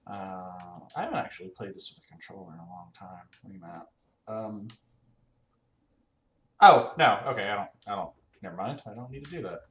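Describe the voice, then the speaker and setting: A man's voice: low voice, animated, very fast, a bit bright. A man giving laid-back, rambling let's-play commentary, full of fillers, from a room at home on a desk mic. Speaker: gaming channel host. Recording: roomy home recording with faint fan hum.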